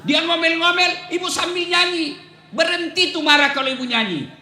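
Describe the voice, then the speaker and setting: Makassar-accented male preacher, high bright voice, jokes and sings bits, echoey live event. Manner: jokes and sings song snippets, shifts to low drawn-out recitation. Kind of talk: humorous sermon to a crowd.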